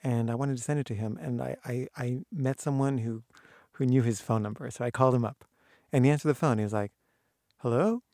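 A man's voice: medium pitch, no echo, studio quality. A man telling a personal story in a casual way, acting out the people he quotes, with frequent restarts. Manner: animated, acts out quoted voices, halting restarts. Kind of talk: casual anecdote.

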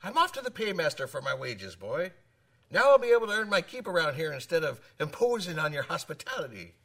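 An actor playing a gruff, hearty old sailor who savors short phrases as he spins dramatic tales of the sea. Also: on the high side, very animated, a little fast, a bit bright, recorded from a distance, full character voice. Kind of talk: dramatic audio storytelling.

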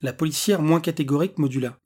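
A man narrating a short dark story in a measured, dramatic way. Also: a little high, slightly rough. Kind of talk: storybook reading.

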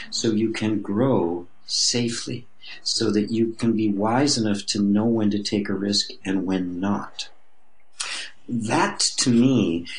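A mature man appears as an interview guest, explaining his personal-growth teaching in a reflective, conversational way and frequently restarting his sentences. His voice is lowish, and the audio is poor.

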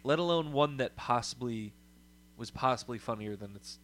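A man co-hosting a casual chat among friends, who gets animated and laughs while retelling movie scenes. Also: medium pitch, moderate pace. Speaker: podcast co-host.

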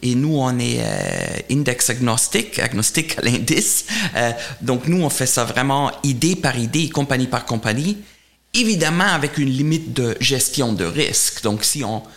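A middle-aged man from Germany speaking French as a second language with a German accent, answering interview questions in a halting way, often repeating words. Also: medium pitch, lively intonation, gravelly, fairly bright tone. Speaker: portfolio manager, interview guest.

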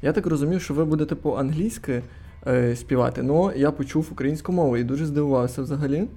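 Male host, gravelly and mellow, rambling questions, faint music in the background. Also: on the high side, quick pace. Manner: rambling, long winding questions. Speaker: podcast host. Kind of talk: casual interview chat.

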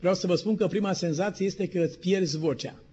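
A middle-aged male pastor from Romania preaches a sermon in a fairly high voice, telling stories and putting questions to his listeners. He slows down to read quotations. The recording is dull and lo-fi. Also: darkish tone, slight background noise.

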